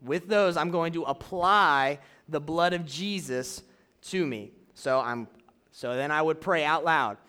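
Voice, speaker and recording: A young man preaching casually to a church audience, drawing out key phrases slowly and running a live object lesson. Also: on the high side, pushed and bright, clear, resonant tone. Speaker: youth pastor.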